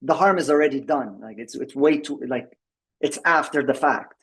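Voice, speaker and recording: At a members' meeting on a video call, a man with a medium-pitched voice gives a tech presentation at a moderate pace. The conference talk is riddled with fillers and false starts.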